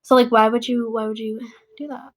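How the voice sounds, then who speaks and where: Blunt young woman with a higher voice. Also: little pitch movement, brisk. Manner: blunt, emphatic, repeats herself. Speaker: vlogger. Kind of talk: casual rambling chat to viewers.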